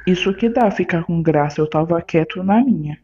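Blunt man, sharp-tongued. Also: fairly high pitch, normal speed, muffled recording. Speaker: vlogger, partner of the host. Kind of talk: casual vlog banter.

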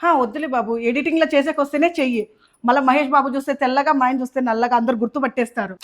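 A young woman with a high voice rattles off her lines at great speed. Her tone is wry and mocking throughout this comedy skit. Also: rapid-fire. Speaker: comedy sketch actor playing the wife.

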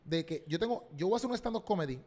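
Puerto rican comedian guy rattling off stories quick, acting out quotes, kinda high voice. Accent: Puerto Rican Spanish. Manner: animated, slangy storytelling, acts out quotes. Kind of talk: casual podcast chat.

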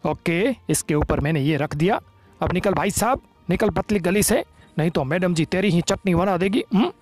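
A young man hosting a gaming channel, giving excited, teasing gameplay commentary full of playful taunts. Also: sits high, moderate pace, faint music behind.

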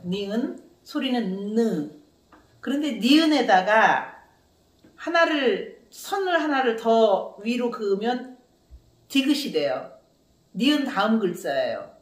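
Woman teacher, children's phonics lesson, slow and deliberate, sing-song rise and fall, echoey room. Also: mid-range voice. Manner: drawn-out, carefully sounded syllables with a lively sing-song lilt. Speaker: Korean language teacher.

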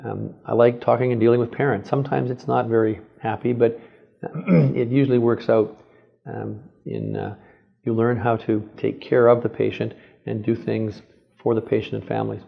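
A man's voice: medium pitch, little pitch movement, moderate pace, gravelly, slightly rough, muffled recording. A man in his sixties from Canada, a heart surgeon, speaking hesitantly with many fillers in an interview recorded with a lapel mic in a clinic exam room. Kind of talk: profile interview.

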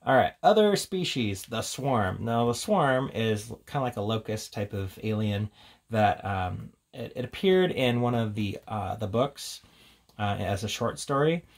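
In an unhurried but animated way, a man with a fairly low pitch runs through a casual book showcase. As a reviewer, he chats offhandedly about each item in front of him.

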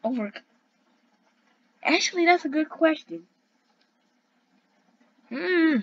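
Woman doing casual reaction commentary, kinda high voice, muffled mic with some noise. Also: lively intonation, slow, a bit bright. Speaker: host of a reaction video. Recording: dull lo-fi audio with background noise.

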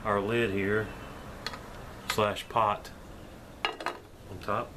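Here a middle-aged gear reviewer demonstrates a camping mess kit, moving from a table to his backyard. His lowish voice barely changes pitch, his pace is very slow, and his casual chatter is full of fillers, with background noise behind him.

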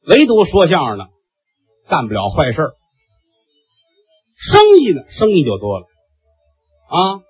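A husky man chats through his opening, with a lively voice that rises and falls and his own questions tossed out to the crowd. Faint music sits under a dull, lo-fi recording. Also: on the high side. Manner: chatty and explanatory, with rhetorical questions. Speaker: comic storyteller. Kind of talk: solo comic monologue.

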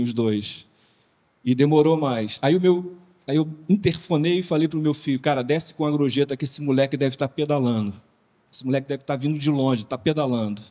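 Brazilian male pastor on a panel, slightly high voice, lively slangy storyteller, long hall reverb. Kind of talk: storytelling talk on a conference panel. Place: conference hall.

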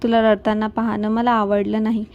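A woman reading the lines of a gentle young man who softly coaxes and comforts his wife in a storybook. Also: medium pitch, level tone, normal speed, lo-fi sound, close to an everyday voice. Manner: soft, gentle, coaxing.

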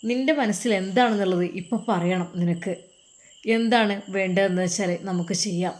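A woman's voice: mid-range voice, fairly quick, darkish tone, lightly acted. A woman voicing a coaxing older foster mother. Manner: pleading, insistent questioning.

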